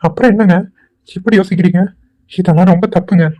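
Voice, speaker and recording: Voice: medium pitch, fairly even intonation, mellow, lightly acted. Someone voicing an anxious young cartoon man. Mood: concerned. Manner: anxious, pleading, talks quickly. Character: kind worried young man rescuing a girl. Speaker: cartoon character. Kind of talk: Tweencraft cartoon voice acting.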